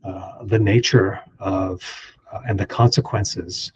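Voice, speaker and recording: Male immigration lawyer hosting a webinar, low husky voice, halting with frequent ums, dull lo-fi call audio. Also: fairly even intonation, a little mellow. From Canada. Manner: halting, many ums and restarts. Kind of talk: unscripted webinar talk.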